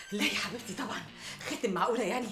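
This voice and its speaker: A woman's voice: a little high, animated, very fast, music in the background, lightly acted. An actress playing a scheming middle-aged mother in an Egyptian Arabic sitcom, coaxing her daughter with sugary words and nervous laughs. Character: scheming, flustered mother hiding a secret marriage. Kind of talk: sitcom acting. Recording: roomy set sound.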